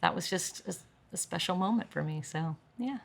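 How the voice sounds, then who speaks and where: A singer-songwriter woman chatting casually at a roundtable, telling animated stories and breaking into sung snippets and laughter. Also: lowish voice, moderate pace, creaky. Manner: animated storyteller, sings snippets and laughs often.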